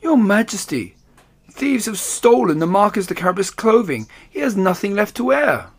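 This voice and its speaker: A cunning, bossy tomcat from a storybook, voiced by a male narrator. He purrs his words and turns courtly or commanding as he schemes. The voice is slightly husky and sits somewhat higher than the reader's own. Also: sing-song, normal speed, exaggerated voice. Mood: alarmed.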